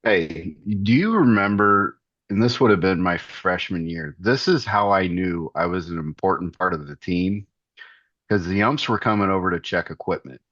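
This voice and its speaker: Deep-voiced joking man, dry muffled sound. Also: normal speed, a bit bright, no room sound. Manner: joking, self-mocking. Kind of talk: casual storytelling chat.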